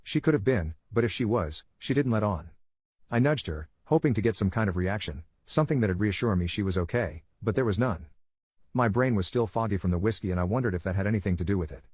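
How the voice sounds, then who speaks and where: A man with a husky voice reading a scripted first-person story as narrator. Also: on the low side, animated, fast talker, darkish tone, dry recording.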